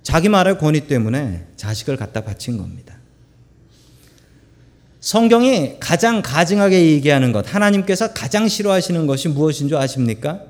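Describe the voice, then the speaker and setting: A middle-aged man preaching a sermon, telling stories with humorous asides in an animated way, recorded in a church sanctuary. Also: on the high side, moderate pace. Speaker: pastor. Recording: long church hall reverb.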